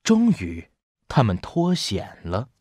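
Expressive man reading a children's picture book. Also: mid-range voice, slow, breathy edge, dry recording, clean studio sound. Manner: expressive, storytelling. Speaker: storybook narrator, voice teacher.

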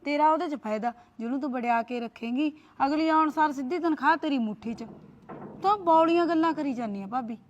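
A sly, meddling young sister-in-law, played by a woman, with a high, coaxing voice. She needles her brother's wife with sweet advice. The audio is dull and lo-fi. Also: fairly quick, a little hiss or hum, lightly acted. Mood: needling. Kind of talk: short family drama.

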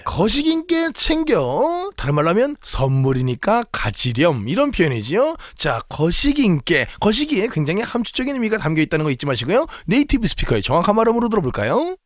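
A man's voice: high-pitched, big pitch swings, fast, few pauses, no room sound, studio quality. A man hosting a comedy sketch as a mock teacher of dialect phrases, exaggerated and teacherly. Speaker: comedy host. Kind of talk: mock language lesson.

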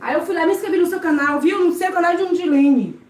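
A woman's voice: very high voice, fairly quick, a little mellow. A woman from Brazil hosting a casual live stream from home, chatting with viewers and greeting them by name while she cleans. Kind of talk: casual live-stream chat reading comments. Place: home service area. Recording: echoey room with faint noise.

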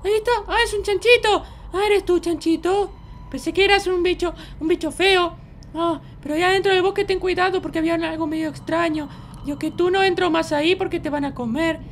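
A woman's voice: steady tone, a little fast, a little hiss or hum. A woman voicing a mischievous runaway baby boy in a Minecraft roleplay, chatting to the viewers as he sneaks around. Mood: scared. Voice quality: squeaky childlike voice. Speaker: roleplay channel performer.

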